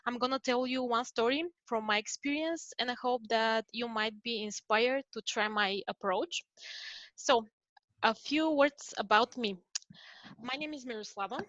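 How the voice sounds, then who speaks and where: A woman from Bulgaria presents a prepared talk in a steady, slightly careful way. Her voice sits a little high and sounds dry, with no room around it. The dull, muffled call audio takes the top off her voice. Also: normal speed, no room sound. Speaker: conference speaker. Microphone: video call.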